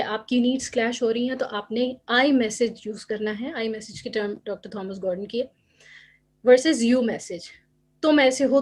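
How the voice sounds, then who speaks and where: A woman gives a parenting seminar online, her voice sitting fairly high. She mixes English phrases into her Urdu and acts out what parents say to children. It sounds like a computer mic on a video call. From Pakistan. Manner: acts out parents' remarks in quotes. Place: home or office, online seminar.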